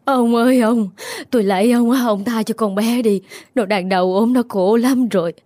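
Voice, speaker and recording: A man's voice: high voice, normal speed, slightly rough, dry recording, studio quality, voice pushed up. A man voicing a distraught middle-aged mother who begs and comforts her daughter through tears. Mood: begging. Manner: tearful, imploring, soft-hearted. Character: anxious middle-aged mother, tearful and pleading.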